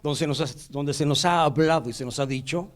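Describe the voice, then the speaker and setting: A man's voice: a little high, a little fast, poor audio. A man preaching a sermon in a church, telling a story with vivid drama. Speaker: pastor.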